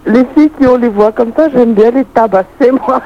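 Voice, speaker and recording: A woman's voice: on the high side, brisk, muffled recording, slight background noise. A woman calling in to a radio party line, chatting in a brash, teasing way. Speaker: radio call-in caller. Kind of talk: casual party-line chat.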